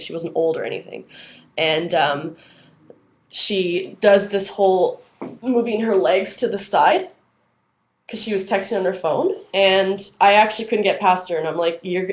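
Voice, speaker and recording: A young woman ranting casually about everyday annoyances in an exasperated, conversational and emphatic way. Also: medium pitch. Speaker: vlogger.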